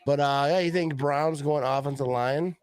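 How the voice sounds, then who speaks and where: A man hosts a casual live draft-night stream, stumbling over words in an easygoing way and shouting out viewers. His voice sits at a medium pitch. The sound is dry and close. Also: normal speed, clean tone, no echo.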